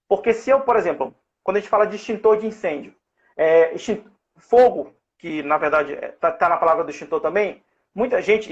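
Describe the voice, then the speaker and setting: A Brazilian man who teaches safety-at-work English hosts a live interview over an online call. His voice is high-pitched, the highs are cut off, and he explains things didactically with many fillers and restarts.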